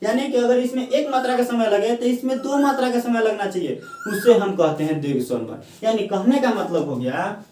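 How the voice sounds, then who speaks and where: A man teaches in a high voice, posing questions to his class and answering them himself. He slows down to dictate notes word by word. The recording is roomy and echoey, with the mic set some way off. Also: expressive, a little mellow, slight background noise. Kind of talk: classroom grammar lesson. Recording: echoey room, mic at a distance.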